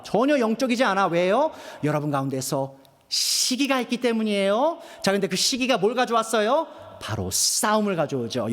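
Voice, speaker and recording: A man preaching a sermon to his congregation, his high voice swinging up and down. He keeps stopping to ask rhetorical questions. The sound rings with long reverb from a church hall. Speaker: pastor. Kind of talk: expository sermon.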